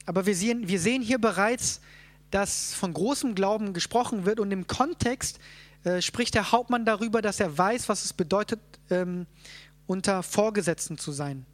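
A Bible teacher explaining a passage in plain, unhurried teaching talk. The speaker keeps checking in with the group with a quick "ja?". Fillers and restarts come often while thinking aloud. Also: mid-range voice. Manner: checks in with listeners, frequent "ja?".

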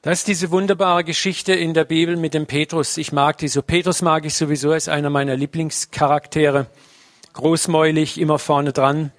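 A man's voice: on the high side, level tone, moderate pace, no echo. Conversational German-speaking male preacher. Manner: conversational, uses tag "ne?" often. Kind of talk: sermon.

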